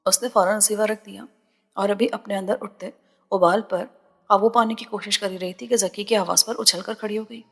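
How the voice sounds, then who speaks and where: A woman narrating an audio novel in a steady, even storytelling manner. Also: medium pitch, gravelly, husky. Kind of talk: scripted narration. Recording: long reverb with faint background music.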